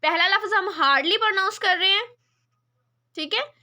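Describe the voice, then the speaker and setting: A woman's voice: extremely high pitch, moderate pace, pushed and bright. A woman teacher, explaining a poem step by step in an online lesson and checking often that her student follows.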